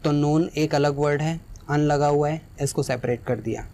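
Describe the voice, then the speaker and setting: A man's voice: on the high side, fairly even intonation, normal speed, mellow. A man teaching an English lesson in Hindi, patiently repeating each example word. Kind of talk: explaining exam lesson.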